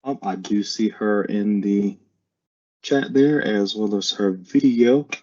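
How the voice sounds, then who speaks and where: A man's voice: on the low side, slow, darkish tone. Courteous, formally polite man, muffled conference call. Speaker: board meeting chair. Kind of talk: formal online meeting moderation. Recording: muffled video-call audio.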